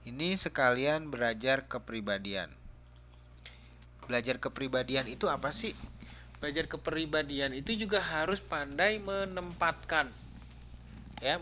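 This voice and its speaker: Male computer teacher, patient and questioning, slow delivery. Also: medium pitch, animated, sharp tone, slight background noise. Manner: patient, coaxing, asks the class questions. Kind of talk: classroom lesson. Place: classroom.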